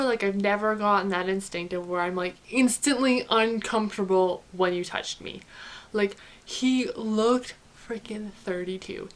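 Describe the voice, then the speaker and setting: A young woman vlogger telling a casual storytime, animated and chatty, with lots of "like" and frequent swearing. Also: medium pitch. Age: young adult.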